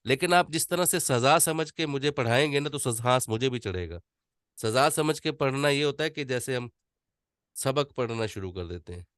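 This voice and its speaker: A man teaching an online voice-over class, demonstrating slow readings with deliberate pauses. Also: mid-range voice, lively intonation, a bit bright, clean tone, no room sound, clean studio sound.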